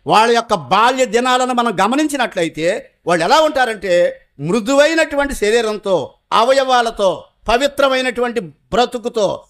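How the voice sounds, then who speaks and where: Male preacher, high-pitched voice, middle-aged, dramatic swings from forceful to hushed, rhetorical sermon delivery. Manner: emphatic, rhetorical questions, swings from loud to hushed.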